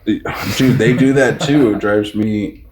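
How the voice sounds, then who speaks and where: A man in his thirties co-hosting a casual podcast, rambling with lots of fillers and loudly mimicking conversations. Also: fairly low pitch, slow pace, crowd noise. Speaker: podcast co-host. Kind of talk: casual chat.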